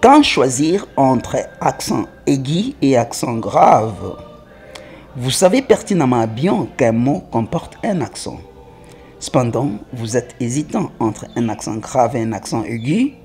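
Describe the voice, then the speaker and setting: A man teaching French spelling, reading words slowly and spelling out syllables, with faint music behind him. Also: medium pitch, big pitch swings, a little mellow. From Congo (DRC). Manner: spells out syllables, slow and emphatic. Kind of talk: slow, deliberate French reading lesson.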